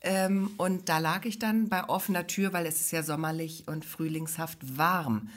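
A woman with a somewhat low voice, chatting casually as a podcast co-host. She rambles playfully, mocks herself, and drifts from one silly tangent to the next. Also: steady tone, normal speed. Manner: rambling, playful, self-mocking. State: recovering from illness. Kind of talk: casual comedic chat.

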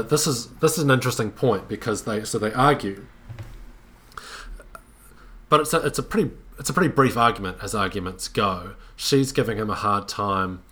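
A man's voice: lowish voice, pushed and bright. A man in casual conversation, thoughtfully breaking down a film scene with frequent restarts. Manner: thoughtful, many restarts while building a point. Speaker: podcast co-host discussing a film.

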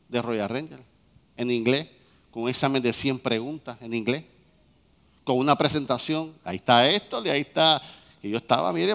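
A man preaching a sermon as a pastor, swinging between loud, fervent peaks and quiet, low lines. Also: in a large hall.

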